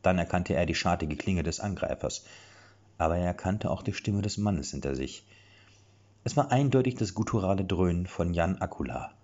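A man narrating an audiobook in an expressive, playful storytelling manner. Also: deep voice, normal speed. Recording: dull lo-fi recording.

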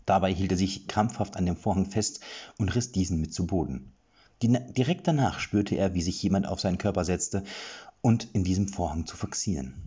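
A man narrating a fantasy story in an expressive audiobook style, on slightly muffled audio. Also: low voice, breathy edge.

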